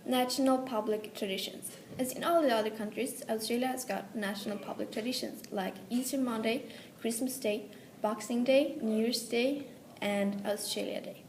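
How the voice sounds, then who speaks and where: A woman's voice: fairly high pitch, fairly even intonation, normal speed, darkish tone. A teenage girl with a Swedish accent carefully reads a school presentation in English. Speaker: student presenter. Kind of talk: school presentation read aloud. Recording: echoey room with faint hiss.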